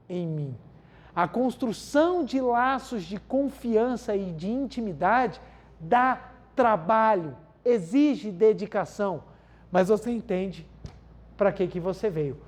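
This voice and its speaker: Man, Brazilian accent, spiritual talk, mellow voice, repeats phrases, addresses the audience. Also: sits high. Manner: keeps addressing the audience as "gente", repeats key phrases for emphasis. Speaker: spiritual lecturer. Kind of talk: spiritual talk with everyday anecdotes.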